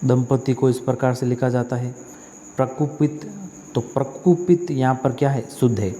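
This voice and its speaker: A man's voice: medium pitch, fairly even intonation, dark tone, slight background noise. Man teaching in an echoing room. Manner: asks and answers his own questions, repeats words slowly. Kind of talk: exam-prep lesson explaining spelling questions.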